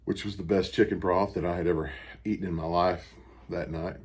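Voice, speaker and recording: An American man giving a casual personal video update, talking in a plain, unhurried and somewhat halting way. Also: sits low, fairly even intonation, husky. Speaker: vlogger recovering from surgery. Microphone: camera on a stand with ring light.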